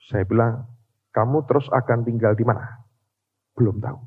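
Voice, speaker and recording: A man preaches in a long-echoing church hall. He tells a testimony in an animated way and climbs to loud, emotional peaks. The recording sounds dull, with faint music behind him. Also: medium pitch, moderate pace, breathy edge. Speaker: pastor. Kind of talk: sermon with testimony.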